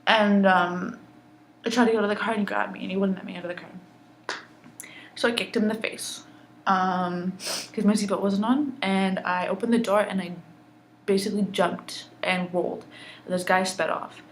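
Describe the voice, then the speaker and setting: A woman's voice: mid-range voice, fairly even intonation, moderate pace, long pauses, a little hiss or hum, low-quality recording. A young woman, upset and angry, telling a personal story in a vlog and swearing heavily. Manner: angry, intense, heavy swearing. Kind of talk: emotional personal vlog rant.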